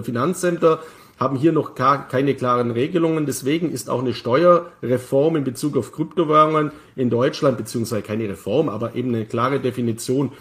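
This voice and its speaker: A man hosting a finance talk show lays out tax matters in an even, considered way. He often stops, restarts and fills gaps with hesitations as he thinks aloud. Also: mid-range voice. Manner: measured, with many fillers and restarts. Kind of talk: casual discussion commentary.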